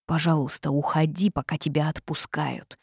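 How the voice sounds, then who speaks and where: A woman reading a wary male demon who speaks in low, hushed warnings. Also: steady tone, normal speed, breathy edge, no room sound, studio quality. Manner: quiet, hissing warnings.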